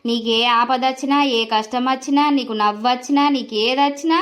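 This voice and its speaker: A woman's voice: high-pitched, fairly even intonation, fast, a bit bright. A woman voicing a loyal young male friend, brash and reassuring, for a village cartoon.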